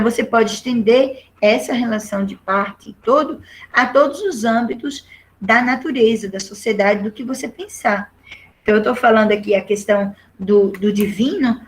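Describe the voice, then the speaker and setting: A middle-aged Brazilian woman teaching a literature lesson, explaining patiently and often checking in with the class. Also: a little high. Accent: Brazilian Portuguese.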